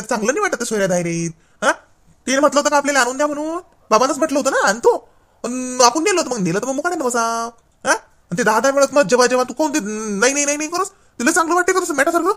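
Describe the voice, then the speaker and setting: A man's voice: very high voice, fairly bright tone. A man playing an exasperated adult son who scolds and lectures his mother in a comic sketch. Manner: scolding, lecturing, fast and impatient.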